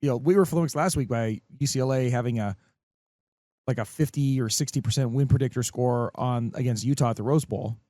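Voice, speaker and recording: A man's voice: medium pitch, fairly quick, dark tone, no room sound, clean studio sound. A man hosting a sports podcast in casual, rambling chat, full of likes and fillers. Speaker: podcast host.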